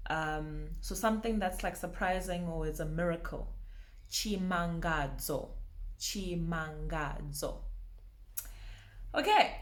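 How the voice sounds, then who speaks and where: A young woman teaching name pronunciation, saying each word slowly and repeating it, laughing often. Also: on the low side. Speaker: language teacher. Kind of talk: pronunciation lesson.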